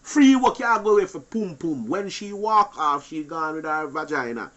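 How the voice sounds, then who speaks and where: A man giving an animated, preachy monologue to other men, swinging between loud outbursts and low asides. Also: moderate pace. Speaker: channel host.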